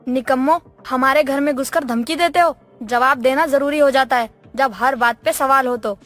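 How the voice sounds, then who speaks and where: A woman's voice: sits high, normal speed, soft background music, close to an everyday voice. A woman voicing a firm young daughter-in-law in a cartoon. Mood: defiant. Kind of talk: cartoon voice acting.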